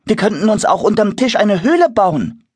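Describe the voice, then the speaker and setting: A man voicing a curious, eager little boy in a children's audiobook, coaxing and lively. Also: sits high, normal speed, husky, no echo, clean studio sound, voice pushed up, full character voice. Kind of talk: audiobook character voice.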